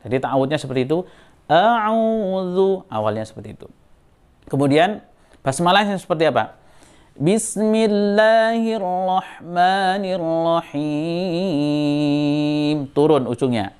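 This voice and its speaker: A man teaching a Quran recitation melody, explaining the steps and showing them. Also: mid-range voice. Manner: explains a melody and then chants the verses slowly. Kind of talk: recitation lesson.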